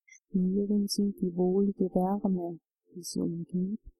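Woman, guided meditation, very slow, mellow breathy voice, dry close sound. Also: lowish voice, no echo, soft background music, rough recording. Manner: slow, calm, soothing instructions. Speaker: relaxation guide.

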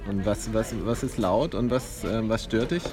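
A man speaks outdoors as a parent, gently prompting a child with questions. His voice is on the low side, and a clear crowd murmur fills the background. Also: moderate pace. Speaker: parent at a festival.

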